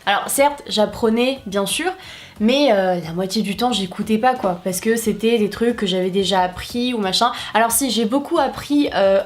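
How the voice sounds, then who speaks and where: A young woman vlogger talking casually to her viewers, chatty, with many fillers and restarts. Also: on the high side. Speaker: YouTuber. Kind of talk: casual talk to camera.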